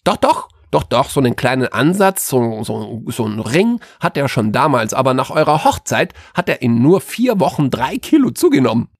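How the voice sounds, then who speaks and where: A man's voice: mid-range voice, very animated, normal speed, hardly any pauses, no echo, studio quality. A man voicing a cheeky, gossiping male ghost of Christmas future in a comic audio story, teasing and bluntly mocking.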